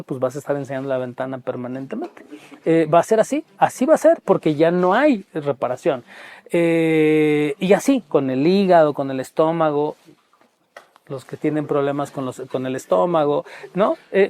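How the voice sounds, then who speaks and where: A man's voice: fairly high pitch, darkish tone. A man preaching a conversational sermon, full of fillers and rhetorical questions. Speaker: pastor.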